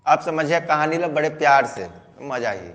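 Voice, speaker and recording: Male teacher, Chhattisgarhi accent, higher voice, quizzing and chanting, long reverb on the recording. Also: lively intonation, normal speed, fairly bright tone. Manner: call-and-response questions, chanting repeated words. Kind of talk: online class mnemonic lesson.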